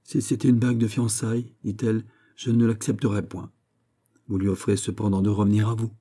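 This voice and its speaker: A man's voice: on the low side, flat delivery, a little fast, warm tone, husky. A man doing a proud, heartbroken young noblewoman. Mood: impassioned.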